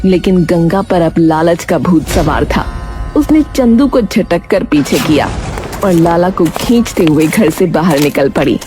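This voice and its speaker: A woman telling a cartoon story in dramatic, expressive scripted narration. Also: lowish voice, unhurried. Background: background music.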